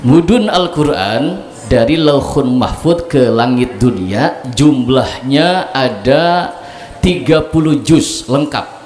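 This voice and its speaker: A man's voice: mid-range voice, a little mellow. Man, middle-aged preacher, jokey banter with the crowd, echoey hall, faint background noise. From Cirebon, Indonesia. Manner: joking, banters with the audience. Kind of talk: religious sermon at a gathering. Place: evening religious gathering.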